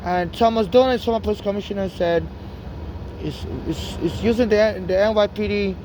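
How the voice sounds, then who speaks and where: A Nigerian woman speaks at a moderate pace in a mid-range voice, her accent a Nigerian-American blend, amid background noise. Her urgent street monologue rambles, with restarts and repeated "you know."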